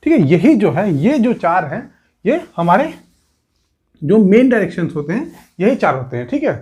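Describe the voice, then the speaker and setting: A man's voice: high-pitched, sing-song, normal speed, darkish tone, slightly rough. A male coaching teacher explaining at a whiteboard, who keeps saying "theek hai" and puts rhetorical questions to his students. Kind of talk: exam coaching lesson.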